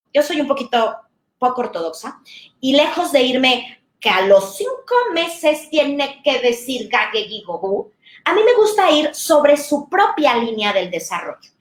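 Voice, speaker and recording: A woman's voice: high-pitched, sing-song, a little slow. Woman therapist, echoey room. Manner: warm, conversational, explains with examples. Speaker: speech therapist. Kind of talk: talk to parents.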